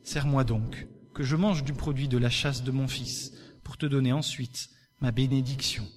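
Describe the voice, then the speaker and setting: A man voicing an old, dying father in a Bible reading, speaking slowly and questioningly. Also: medium pitch, fairly even intonation, long reverb tail, pitched below the performer's own voice, lightly acted. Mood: doubtful. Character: old blind father, near death, doubtful.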